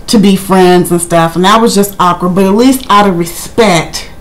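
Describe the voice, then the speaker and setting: A woman's voice: mid-range voice, normal speed. Chatty woman giving a casual recap. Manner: conversational, rambling, acts out others' quotes. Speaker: reality TV recap vlogger. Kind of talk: casual chatty review commentary.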